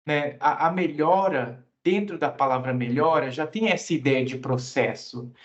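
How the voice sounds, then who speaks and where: A man's voice: a little high, measured pace, dull audio. A man teaching English in an online class, patiently explaining grammar at length and asking students questions.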